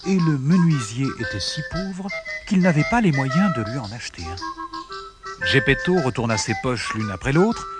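Male storybook narrator: expressive and animated, over music. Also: medium pitch. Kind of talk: storybook read-aloud.

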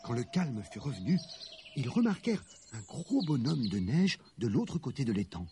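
A man narrating a children's storybook with an expressive, animated reading. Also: mid-range voice, moderate pace, a little hiss or hum. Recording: background music.

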